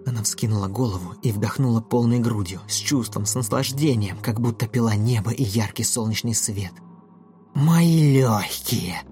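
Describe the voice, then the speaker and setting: A man reading a storybook aloud in a steady, even storytelling manner. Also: fairly low pitch, brisk, few pauses. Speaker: audiobook narrator. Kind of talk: scripted narration. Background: faint music.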